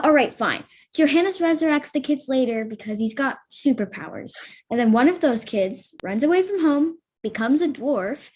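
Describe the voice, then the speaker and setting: A woman's voice: on the high side, a little mellow, slightly rough. A woman playing a matter-of-fact fairy-tale storyteller, narrating a comic stage play.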